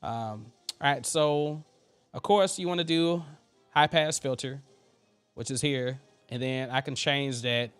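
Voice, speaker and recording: Faint music plays behind a man teaching vocal mixing in a laid-back livestream, his thin voice medium in pitch, clean in tone, and unhurried. He works while chatting loosely with viewers, rambling with fillers and side remarks to the chat.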